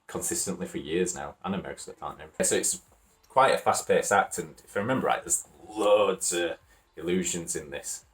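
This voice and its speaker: A man's voice: low-pitched, fairly quick. A man with a Wakefield accent, rambling casually and chuckling as he hosts a reaction video. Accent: Wakefield, Yorkshire. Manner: rambling and chatty, chuckles often.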